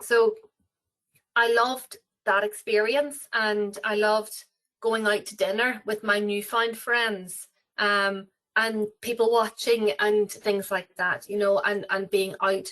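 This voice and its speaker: A woman's voice: medium pitch, level tone, takes it slowly, fairly bright tone, rough recording. Chatty Irish woman, many ums. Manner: rambling, many fillers and restarts. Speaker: travel company representative. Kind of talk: webinar interview.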